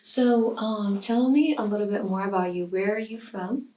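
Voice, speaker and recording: A woman's voice: medium pitch, a little mellow. Young woman asking interview questions, kinda far off the mic, echoey. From Iraq. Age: young adult. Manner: reads a scripted intro, then asks measured questions. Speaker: student interviewer. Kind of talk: oral history interview. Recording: roomy sound from a distant mic.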